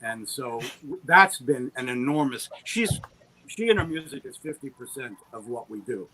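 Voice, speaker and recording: A middle-aged man, a guest producer of audio dramas, talks conversationally on an online interview at normal speed. His medium-pitched voice is pushed and bright with lively intonation, and he rambles through eager, self-deprecating stories on a rough recording.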